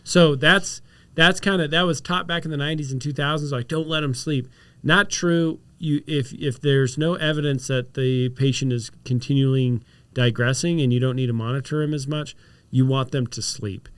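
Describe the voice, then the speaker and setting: A man's voice: medium pitch, normal speed, hardly any pauses, clear, resonant tone, dry recording. Man explaining health tips casually. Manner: storytelling, mixes explanation with animated reenacted quotes. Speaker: chiropractor and podcast host. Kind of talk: casual health podcast chat.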